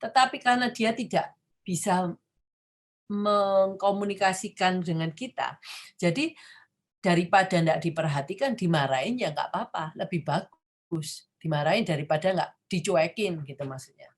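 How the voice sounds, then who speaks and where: A woman's voice: lowish voice, moderate pace. A middle-aged woman with an Indonesian accent, a clinic founder giving parents informal advice, explaining patiently and acting out short quotes.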